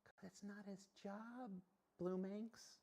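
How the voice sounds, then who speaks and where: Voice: medium pitch, fairly even intonation, takes it slowly, dark tone. A talk-show host who reads out viewer questions and answers chat in a laid-back, joking way. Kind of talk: casual talk-show hosting.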